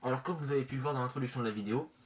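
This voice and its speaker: A man presenting casually in a halting, hesitant way, his voice slightly muffled through a face mask in a bedroom. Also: mid-range voice. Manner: hesitant, halting, searching for words. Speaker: manga review vlogger. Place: bedroom, indoors. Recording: noisy amateur room recording.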